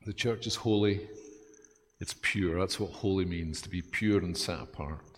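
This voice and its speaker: Male pastor, low voice, lively, self-deprecating sermon, long church reverb. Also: moderate pace.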